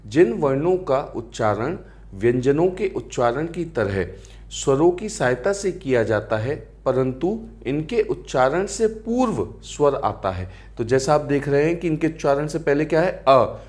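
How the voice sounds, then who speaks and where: A man's voice: on the high side, sing-song, normal speed, darkish tone. A man teaching grammar in a lecture, often asking the class rhetorical questions and calling them friends. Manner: asks rhetorical questions, calls students friends and beta.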